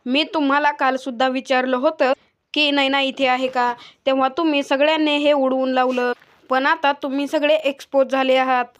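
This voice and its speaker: A woman voicing a furious, suspicious young husband in a retold TV serial, read in a flat way. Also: high voice, normal speed, natural voice. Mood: angry. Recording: dull lo-fi recording.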